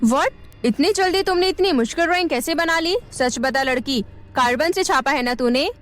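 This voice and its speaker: A narrator puts on a proud, short-tempered schoolteacher who sneers and accuses a pupil in a fast, sharp voice that sits higher than her narration. A cartoon storybook villain. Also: animated, faint music behind. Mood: scornful. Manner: scornful, accusing. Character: arrogant hot-tempered female drawing teacher.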